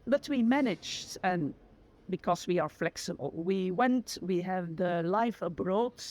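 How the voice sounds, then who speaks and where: Speaking to camera about her own experience, a Flemish woman in her 60s, once a teacher and a native Dutch speaker, uses a lowish, slightly mellow voice. She is sincere and earnest, fixing her own wording along the way.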